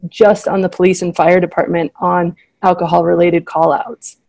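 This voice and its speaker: A woman's voice: on the low side, flat delivery, moderate pace, gravelly, darkish tone, no room sound. A woman, chatting casually and encouragingly as a podcast host. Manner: appreciative, encouraging. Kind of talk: casual interview chat.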